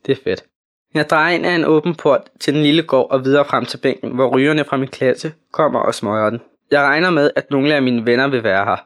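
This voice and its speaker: A man from Copenhagen, a student, reading his own first-person story aloud in a steady telling voice. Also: medium pitch. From Copenhagen, Denmark. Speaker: student narrator.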